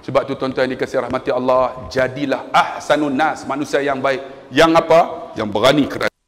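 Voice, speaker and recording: Animated preacher in a hall. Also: male voice, medium pitch, a little fast. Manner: animated, acts out voices in his stories. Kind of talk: storytelling sermon. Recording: long hall reverb.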